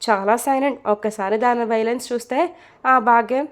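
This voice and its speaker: A woman's voice: a little high, fairly even intonation, a little fast, lightly acted. Woman doing a fed-up young husband, short and curt.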